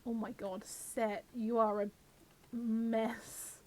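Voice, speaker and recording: Speaking very slowly in a fairly high, level voice, a woman with a cold sounds slightly scratchy. She chats casually with viewers during a game live-stream and talks to the characters too.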